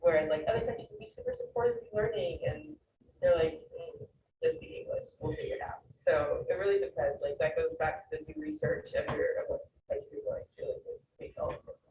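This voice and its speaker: A woman with a somewhat low voice, chatting in a relaxed way with many fillers. She sits on a student panel in a roomy, echoing space. The mic is far off, the sound a bit dull, and noise hums behind her. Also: fast talker. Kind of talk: panel discussion, casual. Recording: echoey room, distant mic, background noise.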